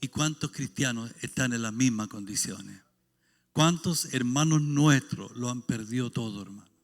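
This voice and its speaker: A man's voice: mid-range voice, normal speed, faint music behind. A man, a pastor, preaching a sermon and then leading a fervent prayer. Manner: fervent, rising into loud prayer.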